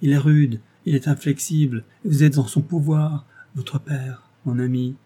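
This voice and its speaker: Man reading as a young noblewoman, plaintive, resigned, raised pitch, husky. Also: flat delivery, normal speed, dark tone, natural voice. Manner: sad, plaintive.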